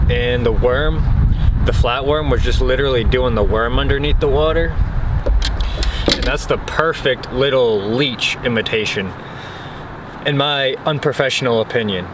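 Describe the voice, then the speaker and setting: A young man chatting casually on a boat on a river, cold and easygoing, a bit self-deprecating. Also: medium pitch. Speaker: fishing vlogger. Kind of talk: casual outdoor vlog. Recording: outdoor recording with wind noise. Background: wind and outdoor ambience.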